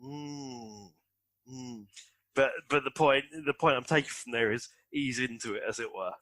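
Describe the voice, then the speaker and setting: A man's voice: medium pitch, measured pace, a bit bright, no room sound. A man hosting an interview, enthusiastic and hesitant in his phrasing as he asks questions. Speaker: podcast host.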